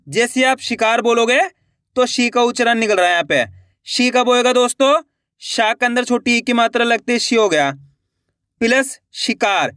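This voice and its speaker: A man teaching spelling slowly and patiently, asking the viewer questions, repeating each word and dropping low as he finishes it. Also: pushed and bright, clean tone, dry recording, studio quality. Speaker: Hindi writing teacher. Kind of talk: slow, patient spelling lesson.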